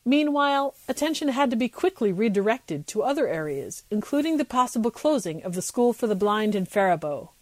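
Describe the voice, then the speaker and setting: A woman narrates a scripted documentary. Her voice is on the higher side with lively intonation, recorded very dry. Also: a little fast, few pauses, no echo, soft background music.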